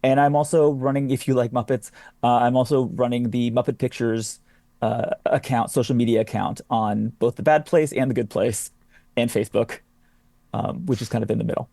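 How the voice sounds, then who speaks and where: A man's voice: mid-range voice, steady tone, moderate pace, vocal fry, mellow, no room sound. A man talking casually as a guest on a podcast. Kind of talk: casual chat.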